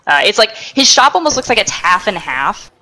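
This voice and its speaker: A young woman narrating as game master for a tabletop game over voice chat, halting, with many fillers and restarts. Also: medium pitch, very animated, bright, forceful tone, rough recording.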